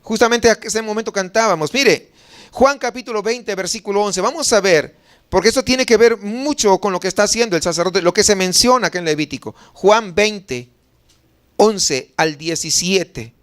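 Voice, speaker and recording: A man's voice: high voice, normal speed, fairly bright tone, clean tone. A male pastor preaching a sermon, reading Bible verses aloud and asking the congregation questions. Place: church.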